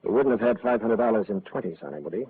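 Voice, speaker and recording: A man's voice: lowish voice, animated, very fast, husky. A man playing a guarded, formal engineer, wealthy and married, in a 1940s radio drama, speaking in a stiff, reserved way. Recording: tinny, noisy 1940s radio recording.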